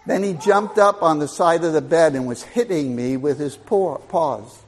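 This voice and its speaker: A man's voice: a little high, moderate pace. An older man giving a Bible teaching sermon in a folksy, storytelling and emphatic way.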